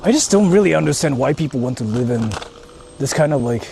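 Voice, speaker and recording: With a medium-pitched, animated voice that's creaky yet warm, this man speaks quickly. The Japanese streamer explores haunted locations in a rural area, chatting casually to his audience and thinking aloud with frequent swearing, over noisy outdoor audio.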